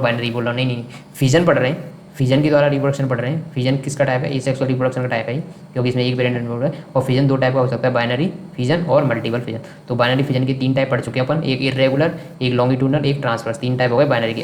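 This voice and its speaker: Fast-talking man teaching in an echoey room. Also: medium pitch, fairly even intonation. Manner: asks and answers own questions, repeats key terms. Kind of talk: classroom science lecture. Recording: echoey room with faint background noise.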